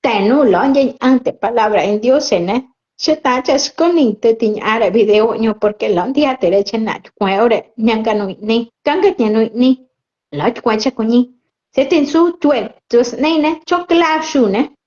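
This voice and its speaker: Live-streaming a Bible reflection, this Chatino-speaking lay preacher from Oaxaca, Mexico, reads viewer comments aloud and chats with her audience between bouts of preaching. She is unhurried and earnest, with a slightly high, slightly mellow voice. The stream's audio comes through muffled.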